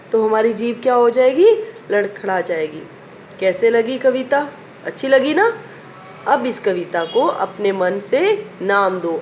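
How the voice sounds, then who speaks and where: A woman teacher recites a children's poem in a sing-song manner for a primary school lesson, posing questions and answering them herself. Her voice sits on the high side with a darkish tone, and there is a little hiss or hum.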